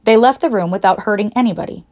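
A woman's voice: mid-range voice, quick pace. Woman reading a children's book aloud. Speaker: audiobook narrator.

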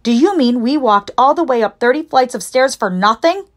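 A woman voicing two dim-witted male robbers in a children's storybook, loud and high-pitched rather than deep. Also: sing-song, a little fast. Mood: bumbling.

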